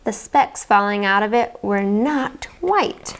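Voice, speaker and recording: A woman narrating a children's story aloud in an expressive, carefully enunciated way. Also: mid-range voice, takes it slowly, a little hiss or hum. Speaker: storybook reader.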